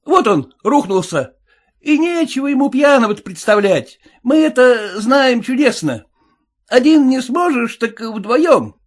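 A man voicing a suspicious, boastful peasant cab driver with a shrill, folksy way of talking. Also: very animated, a little slow, full character voice. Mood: wary, relieved.

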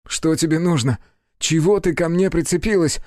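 A man voicing a resentful, upset boy in an audiobook who shouts back defensively. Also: fairly high pitch, normal speed, no echo, studio quality, pitched above the performer's own voice, lightly acted.

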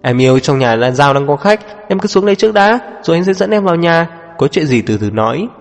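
A doting young boyfriend played by a male reader, coaxing and anxious, his voice pushed up high. A long reverb and faint music sit behind it in this audio storybook. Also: lively intonation, fast. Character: doting young man soothing his girlfriend.

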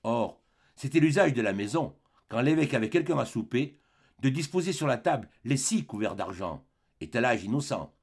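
A man reading a classic novel aloud as an audiobook narrator, measured and expressive. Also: medium pitch, slightly rough. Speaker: audiobook reader. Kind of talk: scripted literary narration.

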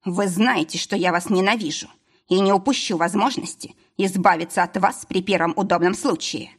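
A woman's voice: lowish voice, normal speed, slightly rough. A woman voicing a proud, bitter male healer who hisses his words through clenched teeth, in an audiobook. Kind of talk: audiobook character voice.

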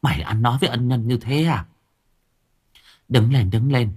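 A man's voice: mid-range voice, moderate pace, darkish tone, husky. A man voicing a wealthy chieftain's wife in a storybook reading, brusque with her servants and gracious toward guests. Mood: commanding. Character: wealthy chieftain's wife, commanding yet grateful.

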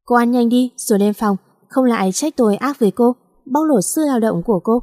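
A woman's voice: a little high, fairly quick, mellow, clean studio sound, close to an everyday voice. A woman voicing a bossy, teasing male company director who talks in a curt, mocking way. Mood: gruff. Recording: long echoing reverb.

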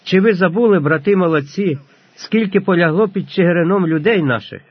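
A man voicing a stern older male Cossack chieftain, commanding and resolute, read in a husky voice on a lo-fi recording. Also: mid-range voice, animated, moderate pace, no echo. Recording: lo-fi dull audio.

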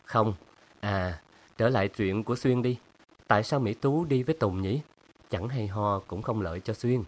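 A moody young painter who answers curtly with a sardonic edge, voiced by a man reading a story. His voice is lowish and restrained. It is a storybook reading. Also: moderate pace, lightly acted.

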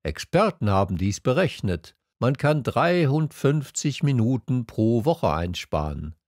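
A man reading an audiobook and voicing a pill merchant who makes a matter-of-fact sales pitch. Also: sing-song, a little slow, darkish tone, no room sound, clean studio sound.

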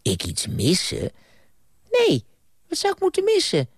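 Man voicing a fame-hungry young man, squeaky and whiny, bedtime-story radio reading. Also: a little slow, dry recording, studio quality, full character voice. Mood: eager. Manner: high excited voice, whiny and pleading. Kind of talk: column read aloud as a bedtime story.

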